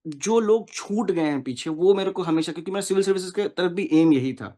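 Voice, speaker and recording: A man's voice: sits high, a little fast, mellow. A man in his thirties from Kolkata, speaking as an interview guest in an earnest, hesitant way with many fillers, switching between English and Hindi. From Kolkata, India. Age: 30s. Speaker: interview guest, bank officer. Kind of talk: casual interview talk.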